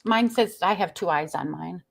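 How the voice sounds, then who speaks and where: This is a woman hosting a relaxed live stream. She chats easily, laughs a lot, and greets her viewers by name as they come in. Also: fairly low pitch, moderate pace, creaky, slight background noise. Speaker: livestream host. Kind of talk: casual live-stream chat.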